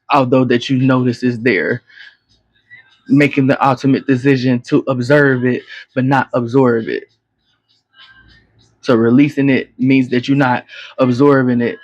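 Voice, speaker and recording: Slow-talking man doing a frank, rambling tarot reading. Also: mid-range voice, dry recording. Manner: rambling, frank and profane, many fillers and restarts. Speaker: tarot reader. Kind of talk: casual spoken tarot reading. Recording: slightly muffled lo-fi.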